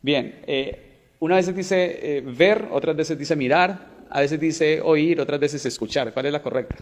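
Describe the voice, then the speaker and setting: A man's voice: on the high side, measured pace. A man hosting a TV segment, posing questions and recapping the answers for viewers. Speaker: host. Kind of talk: TV interview questioning. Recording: long echoing reverb.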